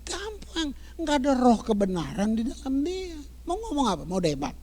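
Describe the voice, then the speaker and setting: A male pastor preaching a lively, emphatic sermon, repeating words for emphasis and swinging from loud to hushed. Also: very high voice, moderate pace.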